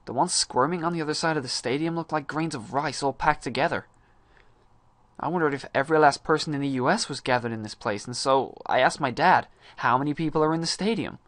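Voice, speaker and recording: A man's voice: on the high side, a little fast, a bit bright, no room sound, close to an everyday voice. Man acting a theatrical, disillusioned young student, dry sound. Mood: intense, frustrated. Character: disillusioned young high-school man, earnest and restless. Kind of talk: dramatic monologue reading.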